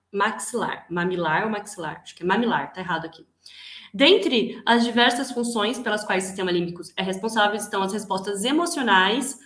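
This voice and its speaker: A Brazilian woman teaches a class in a bright, slightly high voice. She talks in an animated way and keeps putting rhetorical questions to her listeners. Her voice carries a roomy echo. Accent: Brazilian Portuguese. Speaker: teacher giving an online class. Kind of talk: lively spoken lecture. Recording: echoey room.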